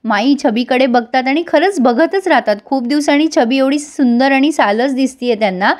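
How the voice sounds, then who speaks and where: A woman with a high voice recaps a TV serial episode. She talks straight to her viewers, moving between narration and the characters' lines. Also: normal speed. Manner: addresses viewers directly, switches between narration and dialogue. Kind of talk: retelling a TV serial episode, voicing all characters.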